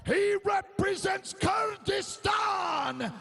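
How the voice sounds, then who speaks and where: A man announcing fighters in classic boxing ring announcer style, stretching out names with booming, drawn-out delivery. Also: expressive, gravelly, fairly bright tone, raised voice, a faint crowd. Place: large fight arena. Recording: long hall reverb over the PA.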